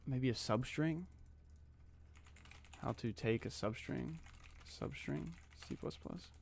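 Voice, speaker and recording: A man's voice: mid-range voice, slow pace, gravelly, slight background noise. A man in his twenties from Australia, chatting casually and muttering to himself on a live stream while he codes. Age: 20s.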